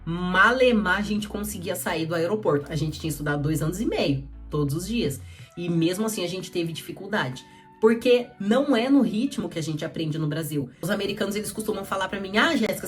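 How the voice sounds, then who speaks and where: Brazilian woman vlogging, chatty and blunt, talks right at you, soft music behind. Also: mid-range voice. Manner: chatty and direct, addresses viewers as "cara" and "gente". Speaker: YouTuber. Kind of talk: casual advice vlog.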